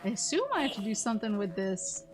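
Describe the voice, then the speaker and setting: A woman's voice: mid-range voice, expressive, fast talker. Casual woman game streamer over music. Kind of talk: casual chat while playing a video game. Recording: music playing behind the voice.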